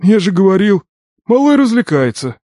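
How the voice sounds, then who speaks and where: A stern security chief, a middle-aged man who reports in a dry, matter-of-fact tone, as played by a male audiobook reader. The pitch moves lively across phrases. The sound is close and dry. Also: moderate pace, no room sound. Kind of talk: audiobook character voice.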